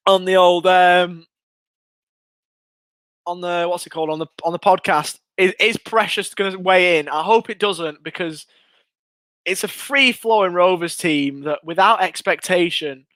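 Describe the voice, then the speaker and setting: Hosting a live fan watchalong, this young English man commentates on a match and reads viewer comments in an excitable, chatty way. His high-pitched voice is going hoarse as he loses it, and he speaks at a moderate pace with no echo.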